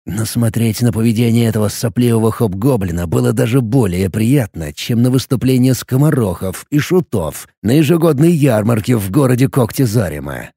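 A man narrating a fantasy audiobook with an expressive storytelling delivery. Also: mid-range voice, normal speed, few pauses, breathy edge, no room sound, studio quality.

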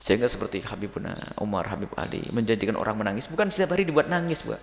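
A man, teaching a sermon lesson to his students with lively, teasing asides. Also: fairly low pitch, very fast, gravelly, reverberant, long reverb tail. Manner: lively, teasing asides, calls listeners "nak".

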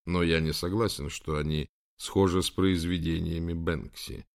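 A man reading the part of a confident, charming prince in an audiobook, speaking calmly and with assurance. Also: low-pitched, moderate pace, vocal fry. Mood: calm assured. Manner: calm, assured.

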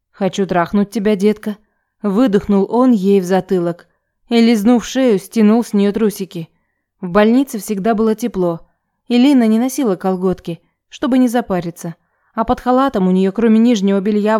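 A woman reading an erotic story aloud in calm, even storytelling narration. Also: medium pitch. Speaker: audiobook reader.

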